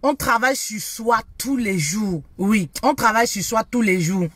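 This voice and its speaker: A woman's voice: mid-range voice, expressive, moderate pace, a bit bright, husky, no echo. A woman giving preachy marriage advice to women. She talks emphatically and keeps repeating herself with many affirming yeses. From Africa.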